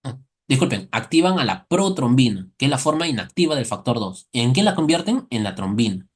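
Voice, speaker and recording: A man's voice: medium pitch, big pitch swings, a little fast, slightly rough. Man lecturing with self-answered questions. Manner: asks and answers his own questions, playful analogies. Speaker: medical lecturer. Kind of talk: recorded class explanation.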